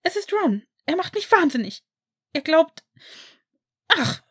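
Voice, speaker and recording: A woman voicing an upset young woman who is fiery and quick-tempered, in an audiobook reading of fan fiction. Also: high voice, a little mellow, no room sound, studio quality, voice pushed up. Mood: exasperated. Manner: agitated, exasperated outbursts.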